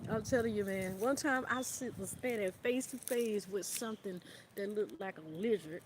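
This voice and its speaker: A woman's voice: medium pitch, moderate pace. A woman talking casually on a livestream outdoors in the wind, rambling and repeating "you know what I'm saying" while calling listeners "baby". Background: light wind.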